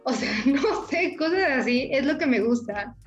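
A young woman with a Mexican accent chatting casually, animated and acting out her own thoughts as she talks. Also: high voice, unhurried, echoey room, lo-fi sound, faint music behind. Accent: Mexican Spanish. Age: young adult. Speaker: interviewee. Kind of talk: casual chat.

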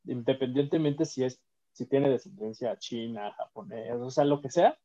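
A man, co-hosting a casual political podcast, explaining ideas slowly with many fillers and restarts. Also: mid-range voice, dark tone, muffled recording. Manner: thoughtful, hesitant, many fillers. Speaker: podcast co-host.

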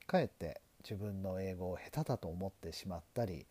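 A middle-aged lawyer from Japan hosting a solo podcast, talking in an earnest, self-deprecating, measured way. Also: male voice, deep voice, mellow, breathy edge, no echo. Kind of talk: solo podcast talk on learning English.

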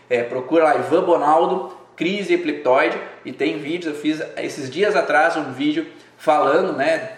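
A man's voice: on the high side, roomy sound. A man hosts a live video and explains his ideas in a reflective way. He repeats phrases and asks rhetorical questions. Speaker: host of a live video channel. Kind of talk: explanatory live-stream talk.

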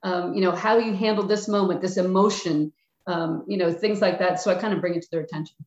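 An older woman from Philadelphia, a retired basketball coach appearing as a guest, gives reflective interview answers in a lowish, steady, darkish voice at a brisk pace. She's frank and plainspoken, acting out quotes of herself and her players, and the sound is roomy, muffled, echoey and dull.

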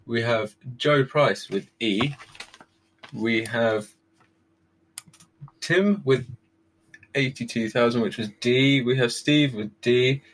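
A man's voice: medium pitch, slow, pauses often, a bit bright, poor audio. A man hosting a casual live quiz, reading out questions and answers. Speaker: quiz host. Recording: clear background noise.

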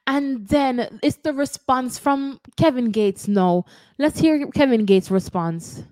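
A woman's voice: high voice, slow pace, a little mellow, no echo. A woman with a Jamaican lilt hosts a casual commentary show. She talks in a chatty way and keeps hedging and correcting herself. Her voice sits close to the mic in a dry, dead space. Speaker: host.

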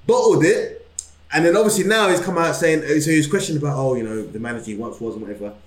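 A man with a London roadman accent and street slang, co-hosting casual football banter in an animated, emphatic way. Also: a little high, fast talker. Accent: London, urban roadman slang. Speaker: podcast co-host. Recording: roomy, echoing room sound.

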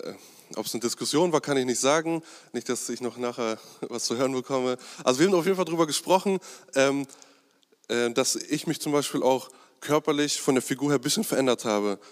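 A man preaching a sermon in a conversational, hesitant way, with many fillers and asides joking with the congregation. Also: mid-range voice. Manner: jokes with the congregation. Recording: long hall reverb.

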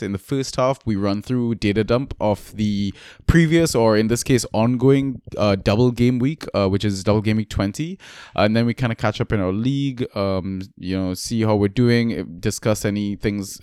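A man co-hosting a casual sports podcast, chatty and relaxed, laughing often as he talks. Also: on the low side, smooth, dry recording, clean studio sound. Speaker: podcast co-host.

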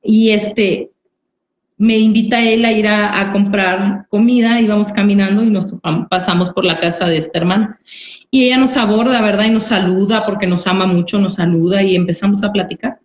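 A woman's voice: medium pitch, fairly even intonation, moderate pace. Earnest woman giving testimony. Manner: earnest, repeats phrases, often ends with "¿verdad?". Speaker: interviewee giving a church testimony. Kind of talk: personal religious testimony. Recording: roomy, dull recording.

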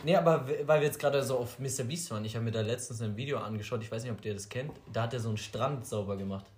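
A man's voice: medium pitch, very fast, a little mellow. A young man co-hosting a podcast in casual, slangy chat with friends. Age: young adult. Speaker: podcast co-host. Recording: roomy echo, faint noise.

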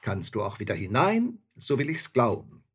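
A man voicing a fearless, shrewd young male student in a storybook reading, answering calmly and matter-of-factly. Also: medium pitch, moderate pace, husky. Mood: cool. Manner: calm, matter-of-fact replies.

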